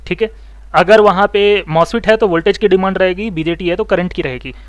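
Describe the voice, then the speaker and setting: A man teaching mobile phone repair, explaining circuits step by step, asking students questions and telling them to take notes, and talking fast. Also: sits high, clean tone, no echo, lo-fi sound. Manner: talks fast, says so himself. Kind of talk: online electronics lesson.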